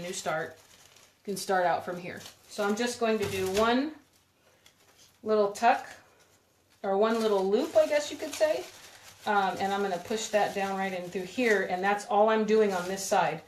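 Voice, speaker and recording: A woman with a mid-range voice hosts a live crafting demo from her home craft room, where the sound is roomy with slight background noise. She is chatty, rambling and giggly, talking with viewers while she works with her hands.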